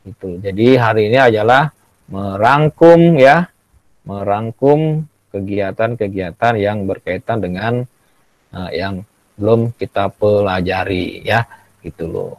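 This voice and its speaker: On a video call, a male Indonesian schoolteacher teaches an online class in a fairly low voice, speaking slowly with a dry sound and no room sound. He coaxes his students, checking in again and again with "ya" and "gitu loh," and raises his voice to act out children's tantrums.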